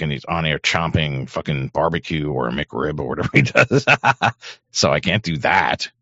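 Host, middle-aged man, extremely low, hoarse voice, rambling profane monologue on a dry, dull-sounding studio mic. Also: bright, forceful tone, no room sound. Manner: rambling, profane, frequent throat-clearing. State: hoarse throat. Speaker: show host. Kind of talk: casual on-air monologue. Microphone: studio microphone.

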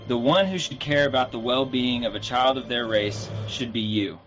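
A man voicing a gruff male spirit guide with a robotic, metallic voice, who switches between solemn pronouncements and crude slang. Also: mid-range voice, normal speed, fairly bright tone, muffled recording, faint music behind. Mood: impatient.

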